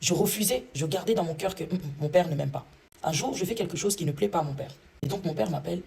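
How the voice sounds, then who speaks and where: Fast, gravelly woman. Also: lowish voice, lively intonation, mellow. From Congo. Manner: earnest first-person storytelling. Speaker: vlogger giving a testimony. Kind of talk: personal faith testimony.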